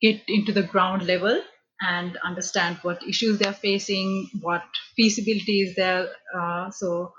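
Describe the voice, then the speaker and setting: A woman's voice: medium pitch, steady tone, moderate pace, fairly bright tone, dull audio. A woman from Sri Lanka answering interview questions about her career, speaking thoughtfully with many fillers and restarts. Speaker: interview guest, business analyst.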